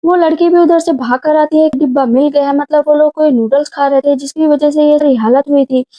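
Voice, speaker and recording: Woman recap narrator, high voice, casual storytelling, acts out the dialogue lightly, dull lo-fi recording. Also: fairly even intonation, fairly quick. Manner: retells scenes, speaking the characters' lines in her own voice. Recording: dull lo-fi sound.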